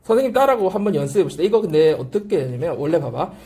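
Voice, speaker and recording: A language-academy teacher lectures on grammar, voice rising and falling in a very lively way. The tone is warm and relaxed rather than bright, and the delivery keeps circling back to repeated drill phrases and questions to the class. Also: mid-range voice, very fast. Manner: asks frequent rhetorical check-questions.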